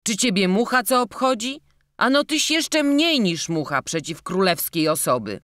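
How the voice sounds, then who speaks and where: A woman's voice: medium pitch, big pitch swings, normal speed, no room sound, clean studio sound, pitched above the performer's own voice. A woman doing a blunt, mocking young servant. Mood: scoffing. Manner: scolding, teasing, loud.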